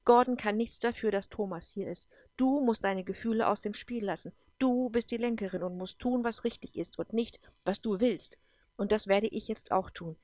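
A stern, all-knowing male alien advisor who lectures calmly and firmly , read by a woman. His delivery is steady and measured. The audiobook sound is dry and close. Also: mid-range voice, dry recording, close to an everyday voice. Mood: reproachful. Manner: firm, lecturing.

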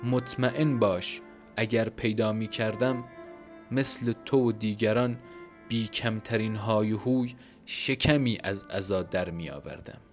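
A frail starving performer in an audiobook, as a male narrator puts him on, speaking faintly and hushed. The voice is low and soft, and quiet music plays under it. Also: lightly acted. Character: starving, frail man, proud yet resigned.

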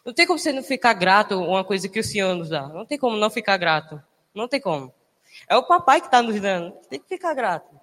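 A young man gives a casual, emotional church testimony, halting and restarting as he talks. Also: sits high, very animated, a bit bright. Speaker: church member giving testimony. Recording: long hall reverb.

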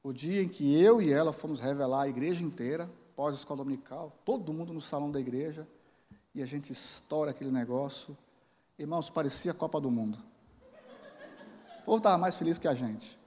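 A man's voice: a little high, fairly quick, warm tone. A man in his forties with a Brazilian Portuguese accent, preaching a sermon as a pastor and telling a personal story with acted dialogue and emotional swings. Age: 40s. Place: large church hall. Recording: church hall with long reverb.

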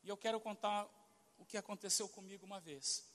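A man's voice: sits high, brisk, a bit bright, big-room sound. A man with a Brazilian accent, a pastor telling a testimony during a sermon and acting out the dialogue of the people in it. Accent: Brazilian Portuguese. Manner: storytelling, acts out quoted dialogue.

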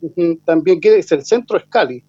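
A man with a high but soft, mellow voice works through a political analysis. He stumbles and repeats small words as he hunts for the next idea. The recording is dry and slightly muffled. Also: animated, breathy edge, dry recording. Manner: halting, repeats words while searching for the point. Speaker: political commentator. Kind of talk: analytical discussion. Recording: dull lo-fi, dry sound.

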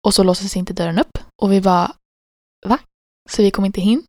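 A woman's voice: a little mellow, no echo, studio quality. A woman in casual podcast chat, telling a story animatedly and acting out her own panic. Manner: acts out her own panic in high squeaky bursts.

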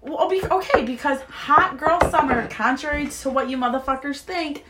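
High-voiced woman ranting passionately. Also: moderate pace, background noise. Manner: passionate, preachy rants, swears. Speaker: podcast co-host. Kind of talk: casual chat.

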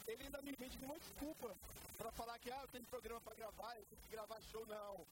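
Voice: mid-range voice, steady tone, fast. A speaker with a Brazilian accent chatting casually and emphatically in slang during an interview. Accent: Brazilian Portuguese. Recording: very noisy live event recording.

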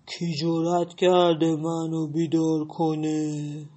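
A woman voicing a big furry bear in a storybook reading, speaking slowly, loudly and with drawn-out words. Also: monotone. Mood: grumpy. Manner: slow, booming and drawn out. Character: big furry bear, grumpy but kind. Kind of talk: storybook read-aloud.

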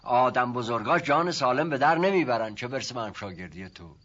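A folksy old servant who rambles, stalls and then insists. The voice sits at a middling pitch. It comes through a dull, lo-fi old television soundtrack. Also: male voice, lively intonation, fairly bright tone. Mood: musing storytelling. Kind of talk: 1970s TV drama acting. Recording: muffled lo-fi TV audio.

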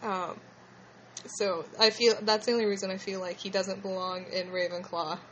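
A woman's voice: medium pitch, little pitch movement, moderate pace, a little hiss or hum, rough recording. A woman with a slushy lisp hosting a casual fan discussion in a hesitant, rambling way. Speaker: podcast host.

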